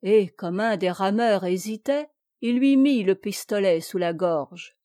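Slow, measured woman storyteller. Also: mid-range voice, warm tone, no room sound, studio quality. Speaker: narrator. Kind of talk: scripted narration of a story.

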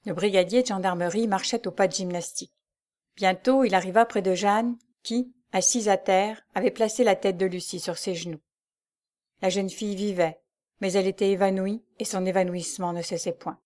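A woman's voice: medium pitch, moderate pace, darkish tone. Woman narrating a suspenseful novel. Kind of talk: dramatic audiobook narration.

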